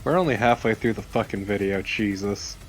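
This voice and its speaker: Game music plays behind a let's play co-commentator whose voice sits on the low side and moves a little fast. He talks conversationally, blunt and opinionated about the video game.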